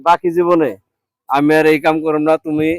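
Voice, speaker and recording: A man's voice: fairly high pitch, level tone, moderate pace, no room sound, close to an everyday voice. A man playing a young, neglectful son in an amateur street drama. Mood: pleading. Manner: defiant, then pleading. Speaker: son who neglects his father.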